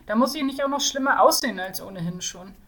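A woman's voice: fairly high pitch, expressive, quick pace, a bit bright, pitched above the performer's own voice. A woman voicing a vain, complaining young male mage in his mid-twenties, reading him out from a fantasy novel. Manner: whining, complaining.

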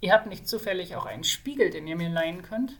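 A woman's voice: lowish voice, animated, fast talker. A woman voicing a vain, complaining young male mage in his mid-twenties, reading him out from a fantasy novel. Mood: casual. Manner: whining, complaining.

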